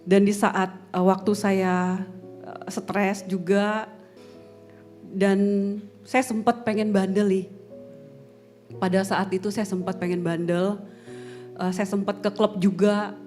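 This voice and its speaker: A woman's voice: medium pitch, flat delivery, slow, long pauses, a little mellow, faint music behind. A woman as a podcast guest, telling a personal story earnestly and emotionally and acting out what she once said. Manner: earnest and emotional, acting out her own past words.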